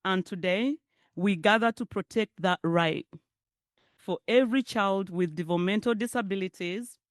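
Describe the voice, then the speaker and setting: A middle-aged Ugandan woman gives a keynote in a chatty, conversational way. Her voice is smooth and clear. The sound is dry and close. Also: mid-range voice, normal speed, no echo. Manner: warm, conversational, laughs often. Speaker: keynote speaker. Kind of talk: public speech.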